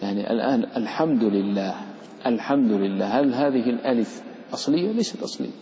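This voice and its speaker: A man's voice: medium pitch, expressive, fast talker, mellow, slight background noise. Man teaching a class in a big echoey hall, muffled recording, chatty and quizzing his students. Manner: conversational, quizzes students and personifies letters. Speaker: sheikh teaching Quran recitation rules. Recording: dull reverberant hall recording.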